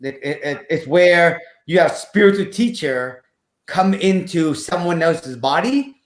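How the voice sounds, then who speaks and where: In an echoey room, a man in his fifties from Vietnam recounts his life on a podcast, speaking at a measured pace with a slightly high voice and lively intonation. He's a real estate investor whose earnest, casual storytelling repeats phrases and bends English grammar a little.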